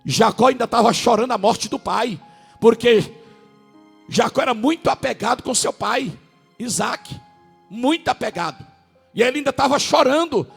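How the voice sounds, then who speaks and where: Raspy high-voiced preacher man. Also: lively intonation, big-room sound, faint music behind. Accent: Brazilian Portuguese, northern. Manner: preaching with sudden shouted peaks and drawn-out words. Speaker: pastor. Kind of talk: sermon.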